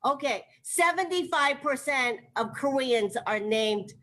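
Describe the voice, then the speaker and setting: At an online open mic, a young American comic from Ohio tells stories in a high, animated, fairly bright voice without rushing. She laughs often and uses plenty of fillers, and the video-call recording carries faint background noise.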